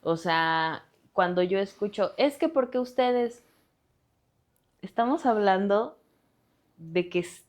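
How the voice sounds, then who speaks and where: A lawyer and activist with a Mexican accent speaks earnestly and directly as a podcast guest, appealing to listeners. Her voice is mid-range with a darkish tone.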